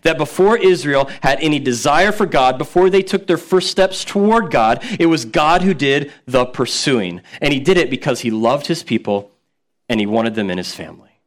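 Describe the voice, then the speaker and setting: A man in his thirties preaches in a relaxed, talkative way, with a voice that sits somewhat high. He leans on repeated words like "no, no, no" for emphasis and slips into character voices when quoting. The tone stays conversational throughout. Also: moderate pace. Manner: casual and conversational, acts out quotes. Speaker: pastor. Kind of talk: sermon.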